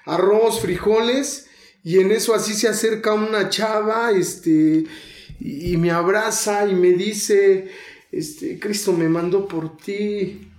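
A man's voice: high voice, steady tone, takes it slowly, a little mellow, roomy sound. A man in his thirties with a Mexico City accent telling his recovery story, slangy and intense, acting out the voices in the scenes. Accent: Mexico City Spanish. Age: 30s. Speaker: guest sharing a recovery testimony. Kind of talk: emotional personal testimony.

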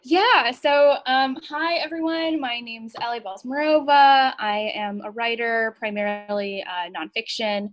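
A woman's voice: fairly high pitch, measured pace, hardly any pauses, no echo. A woman from Bulgaria, a writer and coach, talking as a podcast guest in a thoughtful, hesitant way with many fillers. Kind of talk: casual interview.

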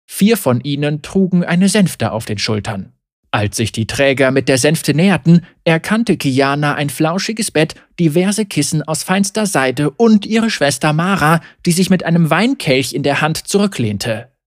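A woman narrating a fantasy audiobook in expressive storytelling style. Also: deep voice, unhurried, dry recording, studio quality.

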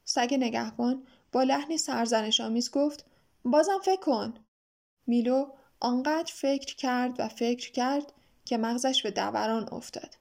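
A woman narrating a children's story in a calm, even reading voice. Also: a little high, vocal fry. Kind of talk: scripted audiobook narration.

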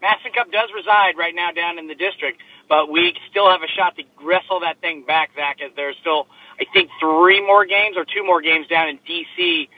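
A man with a somewhat raised, husky voice chats and jokes about sports, dropping plenty of fillers as he goes. He is calling in from his car over a low-quality laptop stream. The sound is thin and phone-like. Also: steady tone, moderate pace, no echo. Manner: chatty, joking, lots of filler words. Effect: low quality remote stream audio. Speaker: sports podcast co-host. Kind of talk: casual sports chat. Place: inside a parked car. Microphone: laptop microphone.

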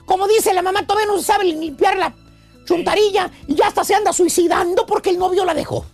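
A man voicing an excitable male love professor who lectures in a theatrical, slangy radio comedy monologue. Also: very high voice, brisk, creaky, faint music behind. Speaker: radio comedy host character.

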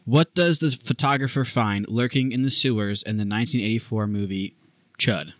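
A man co-hosting a podcast, bantering casually through a horror trivia game, cursing and mocking himself with loud laughter. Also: medium pitch, normal speed, no room sound. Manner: swearing, self-mocking, laughs loudly. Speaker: podcast co-host.

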